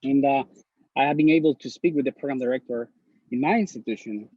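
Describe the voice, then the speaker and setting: A man's voice: medium pitch, fast talker, breathy edge, no room sound. A man, speaking earnestly and bluntly as an interview guest over a video call, often repeating words. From Honduras. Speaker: interview guest, newly matched neurology resident. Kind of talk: casual interview, giving advice. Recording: slightly dull lo-fi recording.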